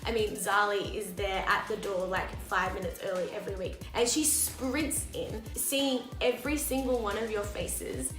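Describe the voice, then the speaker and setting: A woman's voice: medium pitch, normal speed, few pauses. A young woman youth leader talking enthusiastically about what she loves about youth group. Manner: enthusiastic, warm-hearted, bubbly. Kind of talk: casual heartfelt talk. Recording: echoey room with music underneath.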